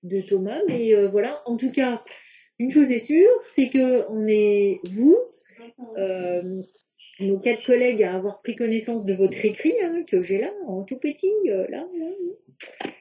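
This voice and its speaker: A woman with a slightly high but mellow voice talks through feedback on a video call. She stops and restarts often and fills gaps with small sounds. The tone is loose and conversational. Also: lively intonation, a little slow. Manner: hesitant, many restarts and fillers. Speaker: teacher leading a video-call review. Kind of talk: casual spoken feedback. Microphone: video call on computer.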